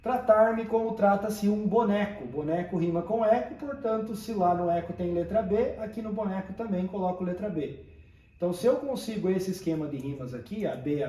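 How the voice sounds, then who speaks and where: A man's voice: sits high, dark tone, roomy sound. A man teaching a poetry lesson, explaining step by step and often checking that listeners follow.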